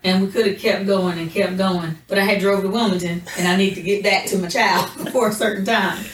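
A woman of middle pitch co-hosts a podcast and talks in a measured, deliberate way, slowing down to gather her next thought. She sits away from the microphone in a room with a noticeable echo. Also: fairly even intonation, distant mic, a little hiss or hum. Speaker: podcast co-host. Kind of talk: casual podcast chat.

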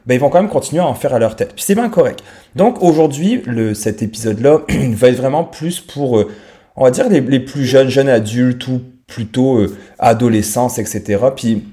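A man in his thirties from France, speaking with a French accent, delivers an informal, unscripted podcast monologue straight to the listener. As host, he has a mid-range voice with a dark tone.

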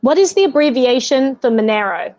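High-voiced woman hosting a casual quiz. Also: lively intonation, a little fast, darkish tone, no room sound. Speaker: quiz show host.

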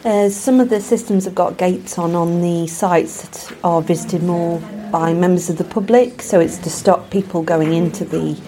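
A woman's voice: on the low side, normal speed, hardly any pauses, warm tone, slight background noise. A woman giving informal, matter-of-fact explanations as an expert guide in an interview. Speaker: bat surveyor, expert guide. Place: inside a mine tunnel.

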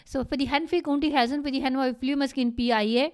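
Middle-aged mom, kinda high voice, stops to hunt for words a lot. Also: female voice, steady tone, darkish tone. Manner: halting, searching for words, switching languages. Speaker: podcast co-host, mother. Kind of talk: casual family chat.

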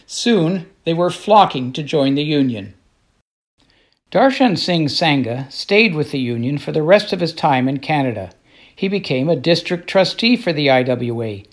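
A man reading scripted documentary narration as the narrator. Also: fairly high pitch.

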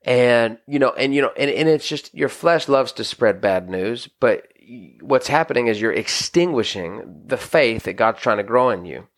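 Speaking at normal speed with hardly any pauses, this adult married pastor teaches scripture on a podcast. His mid-range voice has lively intonation, and he talks earnestly and conversationally, often restarting and adding "you know".

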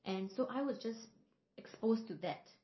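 A woman who is a singer and vocal coach, from Singapore, telling stories in a relaxed podcast chat with frequent fillers. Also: a little high, normal speed. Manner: reflective, storytelling, frequent fillers. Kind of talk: casual podcast conversation. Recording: roomy, slightly dull podcast audio.

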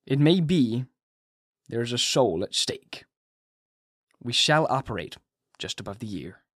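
A man voicing a stern elderly male professor who speaks in a quiet, grave tone. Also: medium pitch, sing-song, a little slow, no echo, studio quality.

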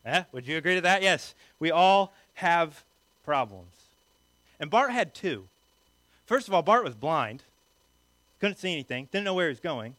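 Lively, joking male preacher with a dry sound. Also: on the high side, moderate pace, pauses often, dry recording. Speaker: pastor. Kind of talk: sermon.

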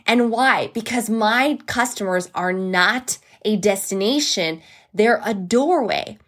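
A woman hosting a solo podcast, talking in an energetic, emphatic coaching manner with what she calls a whiny voice. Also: mid-range voice, takes it slowly. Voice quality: self-described crazy whiny voice. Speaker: podcast host.

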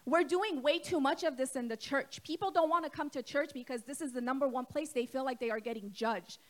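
A woman's voice: high-pitched, brisk. A woman pastor preaching a sermon in a conversational way, asking her congregation questions and talking to them directly. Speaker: co-lead pastor.

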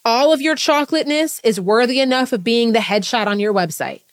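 A woman's voice: on the high side, fairly quick. A woman business coach giving an impassioned, repetitive motivational talk, swearing freely.

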